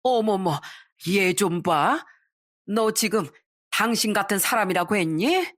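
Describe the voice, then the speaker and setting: A woman's voice: medium pitch, expressive, measured pace, a bit bright. A woman voicing a scornful middle-aged mother-in-law in an audio story, talking down to her daughter-in-law with haughty scolding. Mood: indignant.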